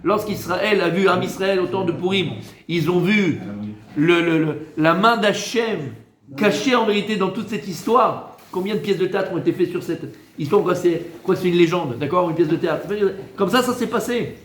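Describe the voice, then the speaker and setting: A man, a rabbi, giving a Torah lesson in a lively way, teasing his listeners with joking asides. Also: high voice, normal speed, roomy sound, a little hiss or hum.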